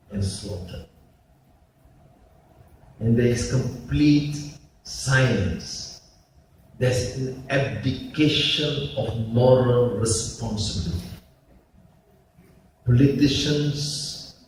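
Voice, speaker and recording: A man gives a slow, emphatic conference speech full of pauses. His voice carries through a very reverberant hall and is caught from a distance. A faint hum of noise runs under it. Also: mid-range voice. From Malaysia. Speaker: conference speaker, politician. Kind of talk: public speech.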